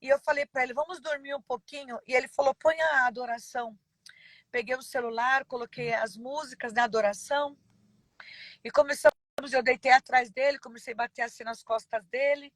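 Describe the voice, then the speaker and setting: A woman pastor giving a personal testimony in an interview, halting and emotional with many pauses and fillers. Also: high-pitched, fairly even intonation, dry recording, low-quality recording.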